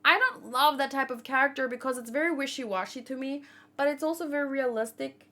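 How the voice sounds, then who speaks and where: Brisk and high, her voice has a pushed, bright quality. As a manga read-along channel host, she offers casual, wandering commentary, musing out loud and frequently questioning herself.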